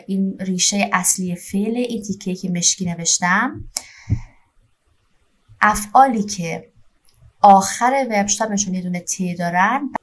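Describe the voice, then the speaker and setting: A woman teacher with a medium-pitched voice leads an online language lesson. She speaks patiently and explains grammar step by step. She slows right down to dictate each verb form clearly. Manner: slow, careful dictation of German verb forms with Persian explanations.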